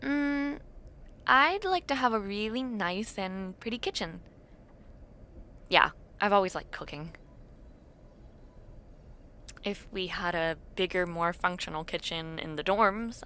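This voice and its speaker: Speaking at a measured pace with long pauses, a woman voices a playful, chatty roleplay as an awkward, imaginative university dormmate. Her mid-range tone is bright and forceful, the recording clean, and her casual, intimate talk is hesitant and self-deprecating.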